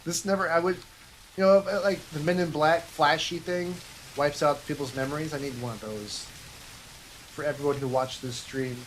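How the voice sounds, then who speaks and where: A man's voice: fairly high pitch, fairly even intonation, normal speed, slight background noise. A young man casually commentating his own livestream, self-deprecating and rambling, muttering to himself. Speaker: gaming livestreamer.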